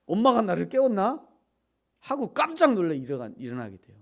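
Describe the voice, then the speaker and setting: Animated Korean pastor preaching. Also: male voice, a little high. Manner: swings from loud shouts to hushed soft speech. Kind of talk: sermon. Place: church sanctuary.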